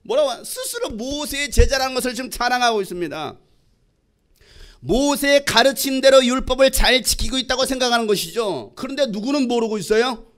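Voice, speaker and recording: High-voiced male pastor preaching. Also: fairly quick. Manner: lively, acts out quoted exchanges; asks the congregation questions. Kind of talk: sermon.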